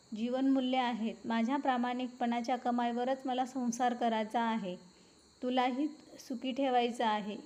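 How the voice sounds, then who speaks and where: A patient young husband with a soft, coaxing way of talking, as a woman reader puts him on. He pleads gently and steadily. The voice sits a little high. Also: close to an everyday voice.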